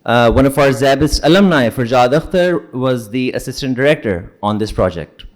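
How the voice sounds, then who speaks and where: A young man with a Pakistani accent hosts a ceremony, shifting between formal thanks and playful, teasing banter. His voice is mid-range and expressive, at a moderate pace.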